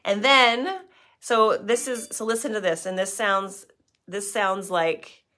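A middle-aged woman pastor giving a gentle, reflective devotional talk and reading scripture aloud, with many fillers and restarts. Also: medium pitch, slow.

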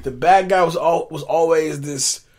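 A man co-hosting a casual movie recap chat, easygoing and agreeable, often trailing off quietly. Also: fairly high pitch, unhurried. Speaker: co-host of a movie recap show.

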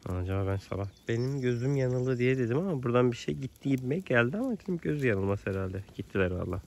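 A man's voice: medium pitch, lively intonation, quick pace, vocal fry, a little mellow, a little hiss or hum. A man talking affectionately to his horses outdoors and addressing viewers, coaxing and calling to them with repeated words. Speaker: rural vlogger caring for his horses. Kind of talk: casual vlog talk to animals and viewers. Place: outdoors in the countryside near animals.

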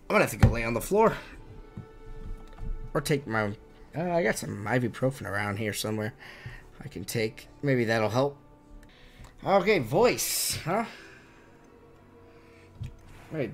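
Casual swearing male game streamer. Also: mid-range voice. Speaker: gaming streamer. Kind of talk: casual live-stream commentary.

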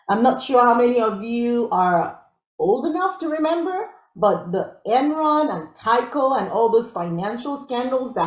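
A woman from Nigeria leads a live workshop in a quick, upbeat way, often stopping to check in with her listeners. Her voice sits at an ordinary middle pitch. The sound carries a noticeable room echo. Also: a little mellow. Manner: fast-talking, upbeat, checks in with audience. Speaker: IT audit instructor. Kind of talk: live online workshop teaching.

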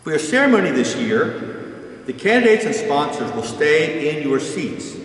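A man's voice: a little high, a little slow, distant mic. Older man explaining in an echoey church. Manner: calm, plain explaining with frequent restarts. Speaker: parish pastor. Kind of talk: instructional walkthrough. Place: large empty church. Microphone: far camera.

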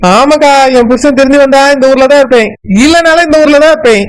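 A woman with a Kanyakumari Tamil accent voicing a chatty young village woman who talks quickly and eagerly. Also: high voice, close to an everyday voice, rough recording.

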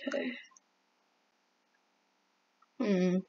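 Slow-talking flustered woman gamer. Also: mellow. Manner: jumpy, easily flustered, exclaims often. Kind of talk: game commentary. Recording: dull lo-fi mic.

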